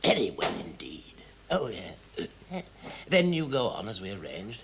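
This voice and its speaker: A bossy, excitable stage director. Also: male voice, lowish voice, measured pace, background noise, full character voice. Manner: bossy, impatient, theatrical. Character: fussy, excitable stage director running a rehearsal. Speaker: theatre director. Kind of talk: 1970s televised stage drama.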